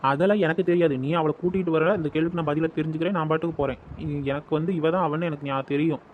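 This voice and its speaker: Casual: guy doing a pushy young village dude in a cartoon, super fast talker, always bossing. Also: fairly high pitch, steady tone, narrow, tinny audio, slight background noise, natural voice. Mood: bossy. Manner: bossy, rapid-fire demands. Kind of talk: dubbed cartoon dialogue.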